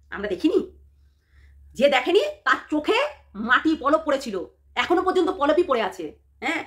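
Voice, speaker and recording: A woman's voice: sits high, pushed and bright. A woman ranting angrily in a vlog, scolding and accusing someone with rhetorical questions. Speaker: YouTuber.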